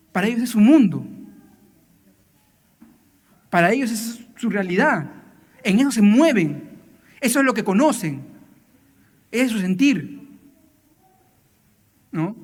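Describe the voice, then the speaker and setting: A man with a high-pitched voice preaches to families at church, chatty and direct, peppering his talk with quick tag questions. He acts out little scenes between parents and children. A long reverb trails behind his words in the hall. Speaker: church speaker. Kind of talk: sermon.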